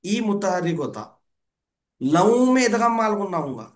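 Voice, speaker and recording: A man's voice: sits high, big pitch swings, normal speed. A man teaching Quran recitation rules, patiently correcting a student and explaining step by step. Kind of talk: online tutoring lesson.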